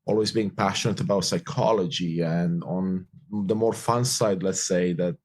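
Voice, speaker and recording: His voice sits low and sounds darkish, keeping a steady tone and moderate pace. The speaker is a Romanian man in his forties, with Romanian as his first language, appearing as a guest in a casual interview. He is upbeat and reflective and tends to repeat phrases.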